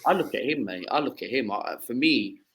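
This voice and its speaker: A man's voice: medium pitch, lively intonation, brisk, fairly bright tone, poor audio. A man in his twenties from southeast England, a football fan chatting as a podcast guest, rambling with many fillers and restarts. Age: 20s. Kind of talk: casual chat.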